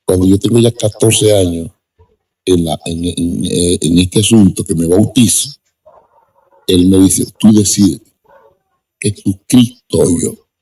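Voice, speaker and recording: Low, dark, husky man giving testimony. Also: steady tone, unhurried, poor audio. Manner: repetitive and emphatic. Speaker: interview guest. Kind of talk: personal testimony in an interview.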